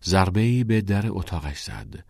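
Calm male audiobook narrator, dry sound. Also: low-pitched, creaky, no echo. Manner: calm, measured reading.

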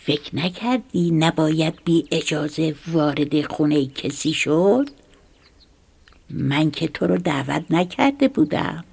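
Woman whispering as a squeaky little mouse. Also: animated, gravelly, a little mellow, slightly rough, exaggerated voice. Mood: indignant. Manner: high, pleading and upset. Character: small, hardworking, indignant male mouse. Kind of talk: whispered role-play.

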